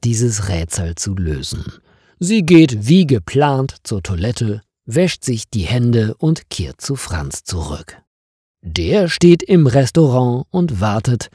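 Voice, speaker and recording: A man narrating a mystery story slowly and clearly, with lively intonation, for learners. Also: mid-range voice, no echo, clean studio sound. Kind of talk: slow scripted story narration for language learners.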